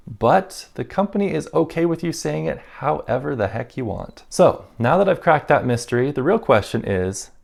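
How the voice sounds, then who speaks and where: Gravelly-voiced wry male vlogger. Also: on the high side, a little mellow. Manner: wry, self-mocking. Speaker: stationery YouTuber. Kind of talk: casual vlog talk.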